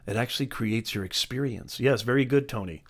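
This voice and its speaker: A man's voice: medium pitch, brisk. A middle-aged man hosting a motivational live stream, talking emphatically, repeating his points and greeting viewers by name.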